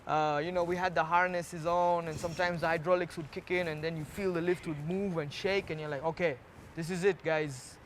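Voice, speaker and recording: A man's voice: on the high side, steady tone, brisk, hardly any pauses, slight background noise. A man talking casually and reflectively as a street artist in a documentary, often repeating words for emphasis. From Kenya. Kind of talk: casual documentary interview and walk-along talk.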